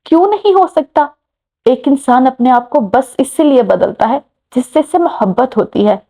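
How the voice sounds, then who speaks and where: A woman's voice: high-pitched, animated, normal speed, mellow, pitched above the performer's own voice. A woman voicing a cheerful young woman playing matchmaker in a romance story. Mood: coaxing. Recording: muffled lo-fi recording.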